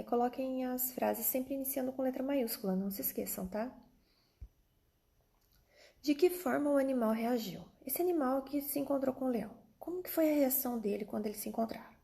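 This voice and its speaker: A woman's voice: high-pitched, creaky, warm tone. A Brazilian woman teacher giving an online lesson to children, explaining step by step and often checking that they follow. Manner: addresses children directly with frequent checking tags and diminutives. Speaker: primary school teacher.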